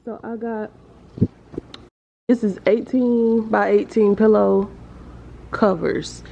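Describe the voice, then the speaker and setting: A home makeover vlogger with a Southern American accent gives viewers a casual, rambling tour of the rooms of her house, thinking aloud as she goes. Her mid-range voice is mellow and fairly even in intonation, and she speaks slowly. The handheld home recording is noisy and dull, with clear household background noise.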